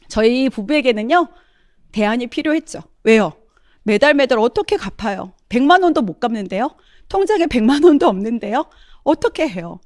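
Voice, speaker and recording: A woman's voice: a little high, no room sound, studio quality. A middle-aged woman giving a testimonial talk, often turning to address her audience as she tells her story.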